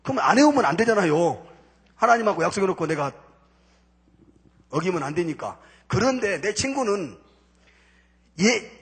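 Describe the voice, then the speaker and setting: A man's voice: sits high, fairly bright tone, husky. A man giving a spoken testimony from a church pulpit, telling his story emphatically with punchy repeated intensifiers. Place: church sanctuary before a congregation.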